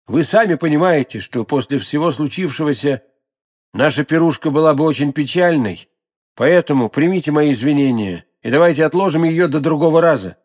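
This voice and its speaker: A man's voice: on the high side, lively intonation, fairly quick, darkish tone. A man voicing a young guardsman hero, earnest and urgent, in a raised voice. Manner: urgent, emphatic.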